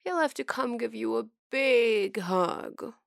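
A woman voicing a patient young male friend who teases gently and hums, in a storybook reading. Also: a little high, animated, slow pace, vocal fry, no room sound, clean studio sound, voice pushed up, full character voice. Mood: teasing. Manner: gentle, teasing, humming.

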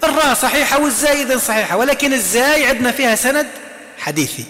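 A man giving an informal recitation lesson, chanting quoted readings slowly and answering students. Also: extremely high pitch, animated, bright, forceful tone. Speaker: teacher of Quran recitation. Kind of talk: classroom lesson explaining recitation. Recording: long hall reverb.

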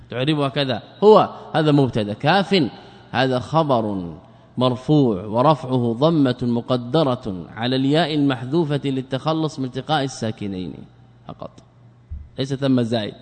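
A man teaching a grammar lesson, quizzing his students and repeating key words slowly. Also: medium pitch, a little mellow. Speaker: Islamic scholar teaching a class. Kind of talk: classroom lesson with questions to students. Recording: long hall reverb.

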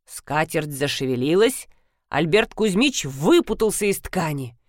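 A woman reading a comic novel aloud as an audiobook, in brisk, animated narration. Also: low-pitched, dry recording, studio quality. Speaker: audiobook reader.

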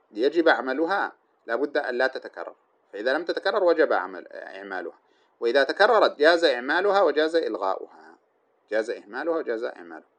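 Guy teaching a grammar class, middle-pitched voice, says each example a few times, asks questions then answers them himself, lots of um-style restarts. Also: a bit bright. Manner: explains step by step, repeats examples.

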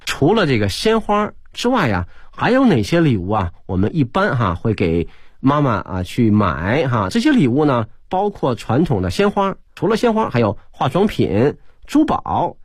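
A male teacher giving a radio English lesson. He explains words, spells them out letter by letter, and reads English slowly. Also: medium pitch, wildly swooping pitch, dry recording. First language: Chinese. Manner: switches between explanation and slow English reading. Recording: dry studio broadcast.

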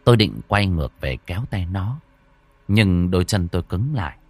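A man narrating a first-person horror story in an expressive, dramatic way. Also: low-pitched, normal speed, husky, no room sound.

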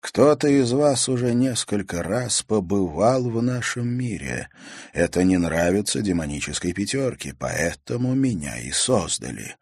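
A man's voice: fairly low pitch, big pitch swings, measured pace, a little mellow, breathy edge, no echo, clean studio sound, voice pushed up, exaggerated voice. A man voicing a sullen, evasive male doppelganger from a mirror world in an audiobook. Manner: grudging, terse replies. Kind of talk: audiobook character voice.

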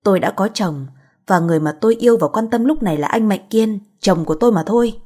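A woman's voice: medium pitch, a little mellow, husky, lightly acted. A woman voicing a composed, principled young married woman who speaks firmly. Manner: firm, measured.

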